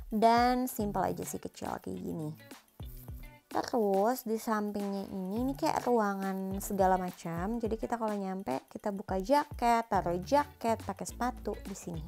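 A woman's voice: medium pitch, gravelly, warm tone. A young woman casually narrating a house tour, describing rooms one after another. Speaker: vlogger giving a house tour.

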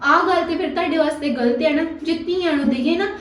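Casting: a woman as a high-voiced, quarrelsome Punjabi sister-in-law, recorded far off in a very echoey room. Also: natural voice. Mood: complaining. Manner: quarrelsome, complaining, quick to take offence. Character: young married woman, sister-in-law demanding money, sharp-tongued. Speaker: actor in a family drama. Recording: very echoey room, mic at a distance.

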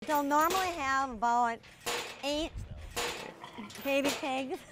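Speaking slowly in a high voice over a noisy background, this middle-aged woman farmer from Minnesota leads an outdoor farm tour. The talk is a laid-back interview, and she chats in a folksy way, leaning heavily on "you know."

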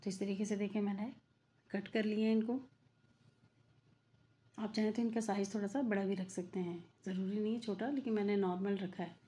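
Her voice sits at medium pitch, steady and mellow, moving briskly yet broken by long pauses. She's a middle-aged cooking channel host voicing over a video in her home kitchen, rambling repetitively with plenty of fillers.

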